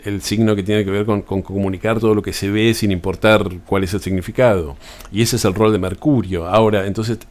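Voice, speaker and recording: Low-voiced Argentine man, halting delivery. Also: a little mellow. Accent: Argentine Spanish. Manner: halting, frequent restarts and tag questions. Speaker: astrologer. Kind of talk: unscripted explanatory talk.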